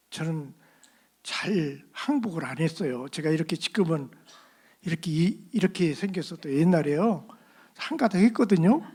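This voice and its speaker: A middle-aged man preaching, telling a personal testimony in a lively storytelling manner and acting out the voices of the people in it. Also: fairly high pitch. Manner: animated storyteller acting out quoted voices, laughing at himself. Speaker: pastor. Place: church sanctuary.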